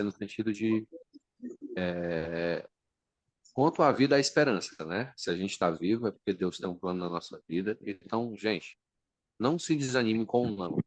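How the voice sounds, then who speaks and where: A man's voice: fairly low pitch, no echo. A man giving emotional, faith-based encouragement to a class. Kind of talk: motivational talk.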